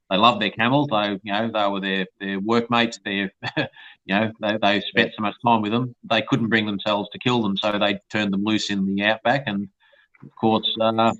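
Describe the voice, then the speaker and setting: A man's voice: lowish voice, fairly bright tone. A man heard over a conference call, explaining at length with many ums and uhs. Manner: long explanations, frequent uh and um. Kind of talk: casual chat. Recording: dull lo-fi call audio.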